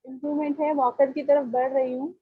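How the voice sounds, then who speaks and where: A woman with a notably high voice shares her story chattily, pausing on fillers and joking at her own expense. The sound is dry and close, and the audio is dull and lo-fi. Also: flat delivery, dry recording. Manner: chatty, hesitant fillers, self-mocking. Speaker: former teacher, participant.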